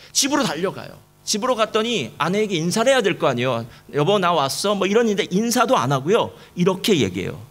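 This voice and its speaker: A man preaching a sermon to a church congregation, telling a story with lively asides and rhetorical questions to the listeners. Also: fairly high pitch. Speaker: pastor. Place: church service.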